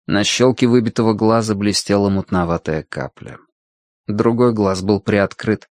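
Low-voiced male audiobook narrator. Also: no echo, clean studio sound. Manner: steady, quiet storytelling.

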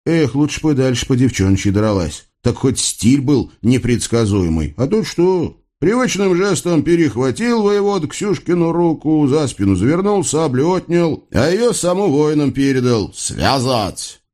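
A man narrating a folk tale as an expressive audiobook reading. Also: fairly high pitch, moderate pace, hardly any pauses. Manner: lively folk-tale storytelling.

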